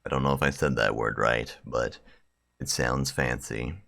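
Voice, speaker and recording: His voice is very deep, creaky, bright, and forceful, with fairly even intonation and a normal pace. He hosts a gaming video over background music, reading visual novel text aloud between casual remarks, and his humor is blunt, crude, and sweary.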